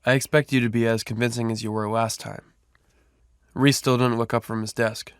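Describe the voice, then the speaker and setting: A man's voice: medium pitch, flat delivery, moderate pace, clean tone, dry recording, studio quality, natural voice. An actor playing a cold, condescending male alpha werewolf leader in an audio drama, talking down with a dismissive tone.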